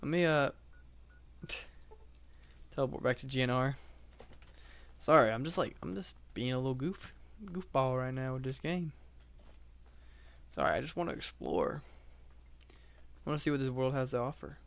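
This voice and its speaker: A man streaming a game and rambling on, full of "like"s and half-finished thoughts in a flat, monotone delivery. His voice is smooth and resonant, pitched squarely in the middle for a man. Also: measured pace, long pauses. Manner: rambling, filler-heavy, self-described monotone. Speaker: live-streaming gamer. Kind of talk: casual live-stream chat while playing.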